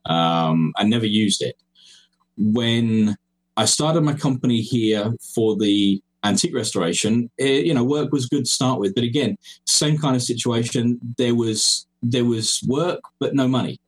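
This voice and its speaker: A man in his forties, English-accented, born in England and raised in Cyprus, is a guest on a podcast as a geocoin designer. Chatting casually over a call, he speaks hesitantly with many fillers and restarts, in an unhurried mid-range voice on a rough recording.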